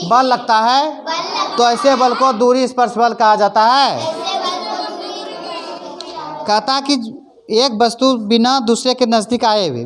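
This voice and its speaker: A woman teacher explaining a lesson in plain, repetitive phrases, often checking that her pupils understand. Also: a little high. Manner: leads call-and-response recitation. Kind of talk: classroom lesson. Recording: faint background noise.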